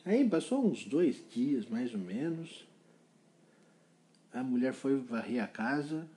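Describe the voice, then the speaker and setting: Man spinning a kids' story, playful, husky and warm. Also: mid-range voice, slow. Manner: playful, animated storytelling with sound effects. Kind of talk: improvised children's story.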